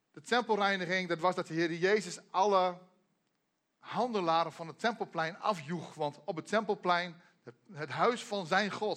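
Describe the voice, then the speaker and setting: Male preacher, fairly high voice, earnest storyteller, slows down on key names, trails off low and soft. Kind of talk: sermon, retelling a Bible story.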